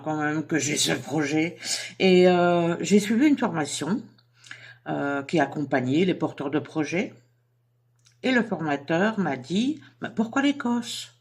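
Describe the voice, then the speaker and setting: Speaking in a mid-range, slightly mellow voice, an entrepreneur chats to camera about a themed business venture. The talk is casual and halting, with lots of filler words.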